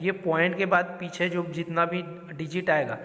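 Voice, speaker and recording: A man's voice: on the high side, fairly even intonation, normal speed, fairly bright tone, in a large hall. A man teaching a school math lesson, explaining step by step and keeping the class on track with questions and a repeated "theek hai".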